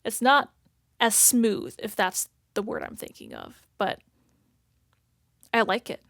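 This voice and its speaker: A woman's voice: medium pitch, huge pitch swings, slow, creaky, fairly bright tone, dry recording, clean studio sound. Rambling woman thinking aloud. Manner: rambling, full of "like" and "if that makes sense"; thinks aloud, searching for words. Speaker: reaction video host. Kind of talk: casual reaction commentary.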